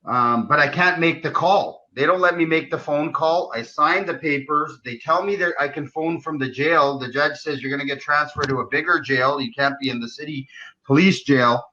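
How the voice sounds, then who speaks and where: On a live stream, a middle-aged man with a voice on the high side, pushed and bright, talks at normal speed. He retells his own story with agitation and indignation, quoting what people said to him. The audio is dull and lo-fi.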